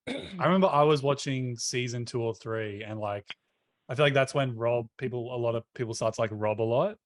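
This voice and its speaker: A man's voice: mid-range voice, normal speed, dry recording. A young man, co-hosting a casual podcast and telling a story with a laugh. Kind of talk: casual chat.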